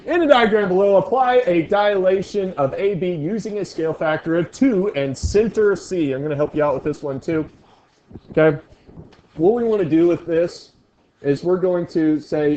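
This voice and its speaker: A man's voice: fairly high pitch, moderate pace, warm tone, dull audio, slight background noise. A male teacher leading a classroom review lesson, joking with his students. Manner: playful, jokey with students.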